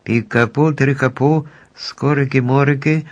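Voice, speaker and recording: A man's voice: medium pitch, fairly even intonation, a little slow, muffled recording, pitched above the performer's own voice, close to an everyday voice. Elli, an eager young girl read by a man. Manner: eager, exclaiming. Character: brave young girl leading her friends.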